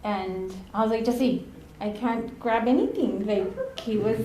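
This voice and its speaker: A woman gives a storytelling eulogy in a funeral home chapel as the deceased's former ambulance partner. Chatty and laughing through anecdotes, she drops Spanish phrases into her English. Her mellow voice is a little high with big pitch swings and a measured pace, set against the chapel's echo and faint ambience.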